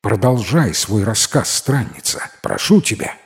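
A man voicing a patient young husband who gently calms his wife in a storybook reading. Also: on the low side, unhurried, vocal fry, heavily acted. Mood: soothing. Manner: soothing, mildly reproachful.

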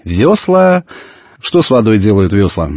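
A man's voice: fairly low pitch, unhurried, no room sound. A man voicing a playful, inventive middle-aged father in a radio story reading. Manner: calm, playful, solemn when reciting. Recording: dull radio recording, faint music.

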